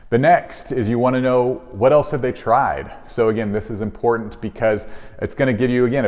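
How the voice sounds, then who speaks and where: A man with a fairly low, slightly mellow voice speaks to camera as a chiropractor, giving informal instructional advice in plain everyday words. He's conversational and explanatory, voicing example questions and replies, and the room is very reverberant and echoey.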